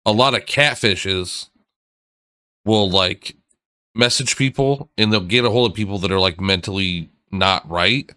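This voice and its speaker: A man's voice: fairly low pitch, measured pace, bright, forceful tone, clear, resonant tone, no echo. A man co-hosting a gaming podcast in casual chat, rambling eagerly with restarts. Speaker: podcast co-host.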